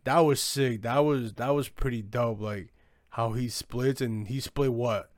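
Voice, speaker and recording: A man's voice: medium pitch, fairly even intonation, measured pace, dry recording. Young male anime podcast co-host, frat-bro delivery, loose profane slang, very dry recording. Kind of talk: casual anime discussion chat.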